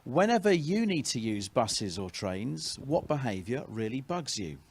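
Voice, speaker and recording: Male interviewer, dry wit, mid-pitch. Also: sing-song, unhurried, a little mellow, breathy edge.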